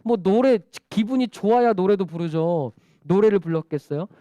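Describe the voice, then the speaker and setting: Children's preacher, high lively voice, mellow tone, dry close sound. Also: male voice, moderate pace, no room sound. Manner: animated, asking the children questions. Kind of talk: storytelling sermon for children.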